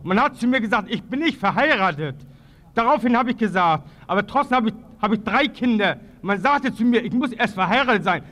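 Very high-voiced man, stumbling appeal. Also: lively intonation, a bit bright. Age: 30s. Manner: halting, stumbling, restarts and repeats words. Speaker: father of three speaking at a public forum. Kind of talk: unscripted public appeal. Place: outdoor public square.

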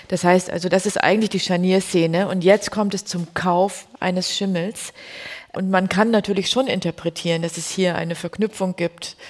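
A woman's voice: on the low side, a little mellow. Woman explaining a story scene. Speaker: literature discussant. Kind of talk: analytical discussion.

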